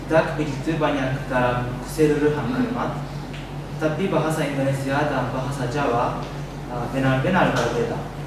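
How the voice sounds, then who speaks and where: Young man, Japanese accent, careful foreign learner, prepared student speech, mid pitch, strong echo, loud background noise. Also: steady tone, normal speed. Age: young adult. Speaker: exchange student giving a presentation. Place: echoey indoor room. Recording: echoey room, distant mic, loud noise.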